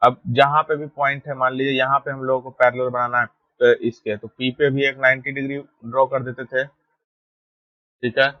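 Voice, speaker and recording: A man's voice: medium pitch, moderate pace, no room sound, highs cut off. A man teaching a math lesson while drawing, steadily explaining and often checking that students follow. He speaks, recorded with a close mic. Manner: steady, repeats "ठीक है" to check understanding.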